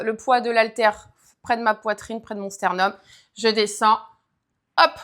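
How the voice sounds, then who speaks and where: A woman's voice: fairly high pitch, sharp tone. A woman leading a guided leg workout, counting reps and cueing form as she exercises. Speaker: fitness coach.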